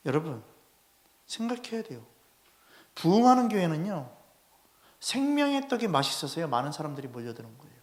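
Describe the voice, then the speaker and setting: Brief: male head pastor with a high voice, preaching a lively Sunday sermon into a pulpit mic and pressing the congregation with questions. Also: brisk, long pauses. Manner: animated, constantly addressing the congregation with rhetorical questions. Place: church sanctuary.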